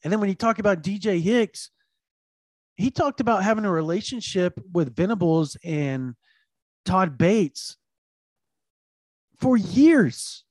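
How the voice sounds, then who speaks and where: A man who covers college football recruiting, talking in an animated, rambling way and repeating himself for emphasis. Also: sits high, slow pace, long pauses, dry recording. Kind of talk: sports talk, casual chat.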